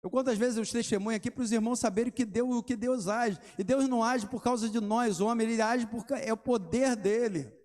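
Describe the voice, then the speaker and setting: A man's voice: very high voice, brisk, few pauses, a little mellow. A middle-aged man, preaching a sermon and asking the congregation rhetorical questions between testimony stories. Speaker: pastor.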